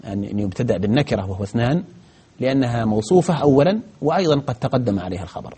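A man's voice: mid-range voice, animated, very fast, warm tone, husky. A man teaching grammar on a broadcast lesson, answering viewer questions methodically, step by step, with frequent hesitations.

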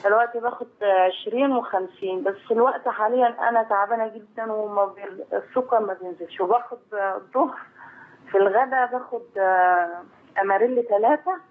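A woman's voice: mid-range voice, fairly quick. A woman in her forties with an Egyptian accent, calling in by phone, rambling and repeating herself with worry. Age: 40s. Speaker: caller. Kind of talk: call-in phone conversation. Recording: tinny phone line.

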